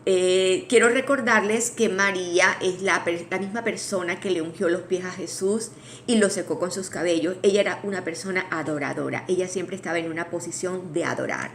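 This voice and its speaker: A woman's voice: lowish voice, a little hiss or hum. Woman teaching a Bible study. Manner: conversational, with restarts and asides to listeners; reads scripture aloud slowly.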